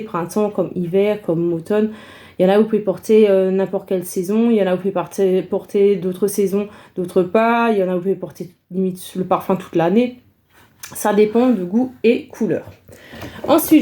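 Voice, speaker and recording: Young woman from Alsace, haul vlogger: chatty, rambling, friendly, warm mellow tone, mid pitch. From Alsace, France. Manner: rambling, many fillers and repetitions; friendly, enthusiastic. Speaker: beauty vlogger. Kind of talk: casual haul vlog.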